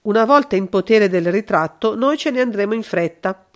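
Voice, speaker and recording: A woman reading a calm, clever male detective in an audiobook, measured and explanatory. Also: mid-range voice, natural voice. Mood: explaining.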